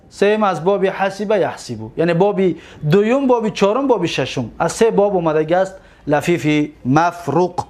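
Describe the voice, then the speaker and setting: Tajik-accented male teacher with a high voice, runs a classroom grammar drill, poses questions and answers them himself. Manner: drills forms aloud, asks and answers his own questions.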